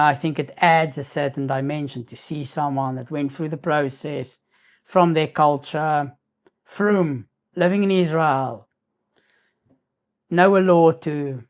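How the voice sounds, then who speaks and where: This YouTuber tells a rambling story casually to the camera, his voice sitting a little high. He's from South Africa, Afrikaans is his first language, and he restarts often while sprinkling in Hebrew terms.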